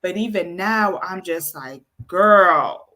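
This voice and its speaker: A woman's voice: mid-range voice, brisk. A woman hosting a casual online talk about parenting, telling stories and acting out what her daughter says. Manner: animated storytelling, acts out quotes. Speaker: host. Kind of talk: casual chat. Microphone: video call.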